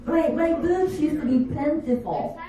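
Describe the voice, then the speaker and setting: A woman in her fifties, not a native English speaker, doing a stand-up comedy set with slow, deadpan, self-mocking delivery. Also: high voice, crowd noise. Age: 50s. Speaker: stand-up comic. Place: comedy bar stage. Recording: echoey bar room, distant dull mic.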